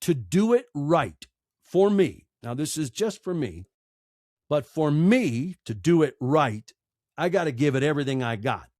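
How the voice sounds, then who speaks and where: Very animated yet unhurried, a man with a slightly high, darkish voice tells stories as a podcast guest. The broadcaster and audiobook narrator speaks conversationally and emphatically, posing rhetorical questions and repeating phrases. The clean studio recording has no room sound.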